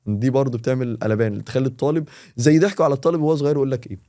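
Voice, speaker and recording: A man with an Egyptian Arabic accent, a teacher talking in a casual podcast and explaining with quick, animated examples. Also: mid-range voice. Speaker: English teacher, podcast guest.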